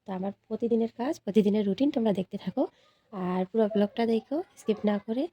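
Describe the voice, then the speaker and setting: Fast-talking woman chatting at home. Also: mid-range voice, lo-fi sound. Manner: chatty, talks straight to viewers. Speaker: vlogger, mother. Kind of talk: casual home vlog chat. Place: home, indoors.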